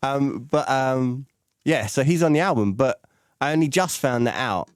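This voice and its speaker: A man hosts a relaxed podcast chat in an ordinary mid-range voice. He sounds eager and laughs easily, leaning on fillers as he talks. The recording is dry and close. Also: medium pitch, moderate pace, smooth, dry recording. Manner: enthusiastic, laughs often, uses fillers. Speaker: podcast host. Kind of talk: casual interview chat.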